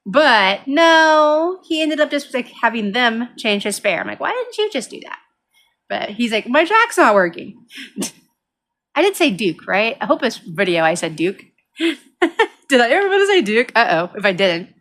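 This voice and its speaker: A woman's voice: on the high side, very animated, unhurried, a bit bright. A woman hosting a casual, unedited gaming vlog, giggly and cutesy, often slipping into baby talk. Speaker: gaming channel host.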